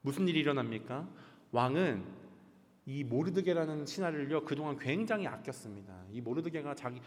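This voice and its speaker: Male pastor, lively storytelling sermon, fairly high voice, long church hall echo. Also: fairly quick. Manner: animated, dramatic storyteller asking the congregation questions. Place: church sanctuary.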